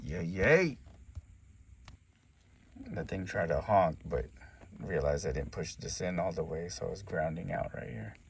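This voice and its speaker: A man's voice: sits low, expressive, a little slow, creaky, long pauses, a little hiss or hum. A sleepy man hosting a casual car-build vlog, joking and talking as he works on a car in his home garage. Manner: laid-back, joking, talks while working. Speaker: car channel host.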